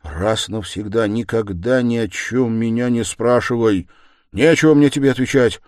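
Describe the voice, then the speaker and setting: A man voicing a troubled, brooding young man who speaks in a halting, strained and insistent way. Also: medium pitch, a little mellow, no echo, studio quality, voice pushed up, natural voice.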